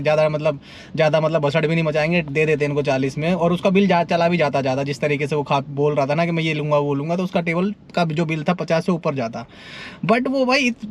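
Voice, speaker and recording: A man's voice: sits high, slight background noise. A young man from India with a Delhi Hindi accent, telling a story in a chatty, casual vlog and often calling the viewer "bhai". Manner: chatty, keeps saying "bhai", laughs while telling a story. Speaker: nightlife vlogger. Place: in and around a car on city streets.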